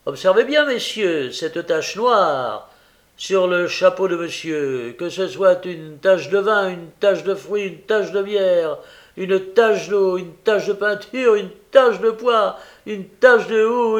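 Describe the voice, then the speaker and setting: A man reading aloud puts on a peddler with a raised, ringing voice who pushes his sales pitch hard, listing item after item with showy emphasis. The character is loud and eager, a fairground salesman in a read-aloud story. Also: slow pace. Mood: hawking. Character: loud, fast-talking male peddler hawking a stain remover. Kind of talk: audiobook character voice.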